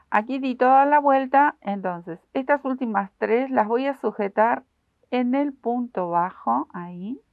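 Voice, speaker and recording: A woman's voice: a little high, gravelly, dry recording. A woman explaining a crochet pattern step by step, talking patiently to her viewers while she works. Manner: patient, explains each stitch while working; uses many diminutives, addresses viewers directly. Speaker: crochet instructor. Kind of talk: step-by-step craft tutorial. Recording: dry, tinny phone-like sound.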